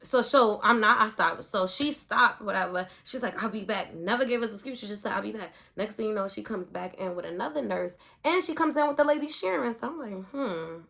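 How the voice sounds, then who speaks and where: A pregnant woman vlogging, telling a story casually to camera in an animated, rambling way full of "like". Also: a little high, fairly quick, gravelly, hardly any pauses. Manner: animated and rambling, leaning heavily on "like". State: pregnant, with hiccups and heartburn.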